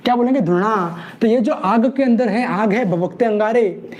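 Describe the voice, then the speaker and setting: Speaking in a high register at a moderate pace, this man teaches an exam-prep class. He runs a playful call-and-response, posing questions and answering them on his own while drilling memory tricks and repeating key words with mnemonic stories.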